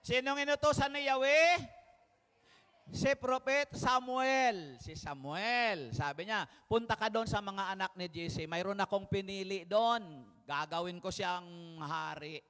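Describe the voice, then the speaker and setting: A man's voice: sits high, a little slow, a bit bright, clean tone. A man preaching a sermon to a congregation, telling the story vividly and asking them questions. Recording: reverberant hall.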